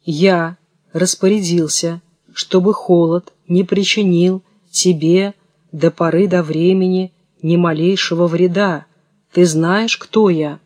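A thin, ringing, icy old spirit of frost, put on by a storybook narrator with a fairly high voice. He speaks very slowly and evenly, as if dictating from a book. The recording is close and dry. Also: fairly even intonation, darkish tone, no echo. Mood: cold, measured. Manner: slow, measured, as if dictating from a book. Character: ancient icy great-grandfather of frost, calm and cold.

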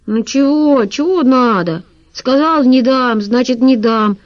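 A woman's voice: high voice, slow pace, muffled recording, voice pushed up. A woman voicing a sulky, defiant young boy who argues back cheekily. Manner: cheeky, argumentative.

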